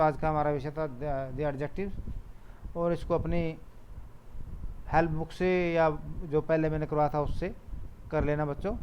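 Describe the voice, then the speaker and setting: A man's voice: fairly high pitch, a little mellow, lo-fi sound, slight background noise. A male teacher, giving a lesson to children, repeating word lists and reading grammar rules aloud.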